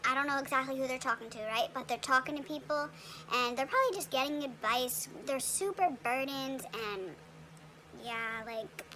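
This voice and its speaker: A woman's voice: high voice, normal speed, sharp tone, slight background noise. A young woman giving a casual tarot reading with a retainer in her mouth, chatty and full of fillers and "okay?" tag questions. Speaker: tarot reader.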